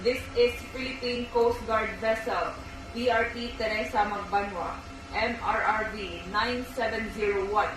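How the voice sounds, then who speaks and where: A woman, a coast guard radio operator, issuing a formal radio challenge over a marine radio transmission in measured, repetitive official phrasing. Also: on the high side, steady tone. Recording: echoey, distant, noisy marine radio.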